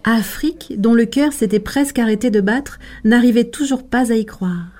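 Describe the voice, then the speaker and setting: A woman storyteller narrating a tale in an expressive, measured way. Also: on the high side. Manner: expressive, measured, slowing for emphasis.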